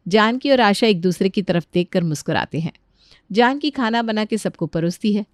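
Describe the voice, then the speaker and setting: A woman's voice: medium pitch, no echo, clean studio sound. A woman narrating a family cartoon story in a plain storybook manner.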